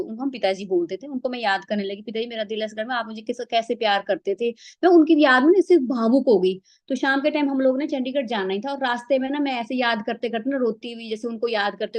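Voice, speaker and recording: A woman sharing a heartfelt spiritual experience, acting out the dialogue as she goes. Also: a little high. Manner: animated storytelling, acts out dialogue. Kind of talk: emotional personal testimony.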